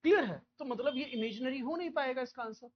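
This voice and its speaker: A man from India teaching a vocabulary lecture, repeating key words and checking understanding with quick questions. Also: extremely high pitch, lo-fi sound, a little hiss or hum.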